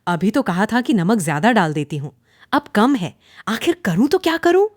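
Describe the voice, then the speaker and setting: A woman's voice: mid-range voice, very animated, normal speed, darkish tone, no echo, studio quality, close to an everyday voice. A woman voicing an overworked young daughter-in-law who answers back in a pained, pleading way in a cartoon story. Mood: defensive.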